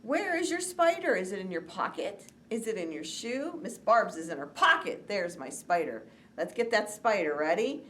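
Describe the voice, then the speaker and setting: A woman librarian leading a children's story time, talking to small kids in an animated, sing-song way. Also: mid-range voice, normal speed, hardly any pauses, slight background noise.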